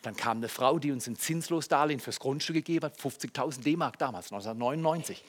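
A male pastor giving a conversational, animated sermon, with asides and questions to the congregation. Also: mid-range voice, fast talker, slight background noise.

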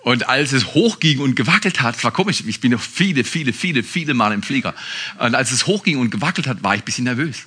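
A male pastor delivers a conversational sermon, putting direct questions to his listeners and shifting between emphatic outbursts and quiet asides. His mid-range voice is animated and slightly rough, and he speaks at a quick pace.

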